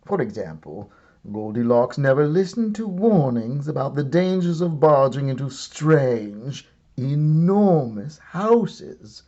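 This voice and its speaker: Animated man reading a storybook, unhurried. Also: medium pitch, lo-fi sound. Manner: deliberate, theatrical comic timing with wry pauses. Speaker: teacher reading aloud. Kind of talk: expressive storybook read-aloud.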